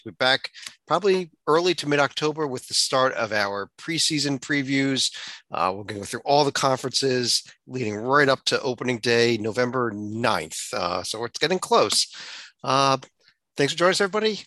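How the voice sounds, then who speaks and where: A man's voice: medium pitch, pushed and bright, no echo. A man from the East Coast hosting a casual sports podcast, easygoing with plenty of fillers. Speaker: podcast host.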